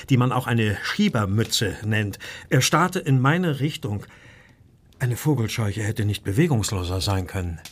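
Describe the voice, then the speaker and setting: In a radio play, an actor portrays an anxious, well-bred Victorian art dealer who recounts his story formally and with measured care. His medium-pitched voice carries an uneasy, formal mood.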